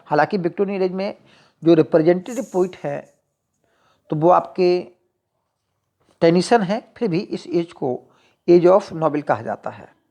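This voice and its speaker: Exam-prep lecture, teacher voice, unhurried, mid pitch, reads questions and options aloud, explains each answer. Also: expressive, dark tone. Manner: mixes English literary terms into Hindi explanation.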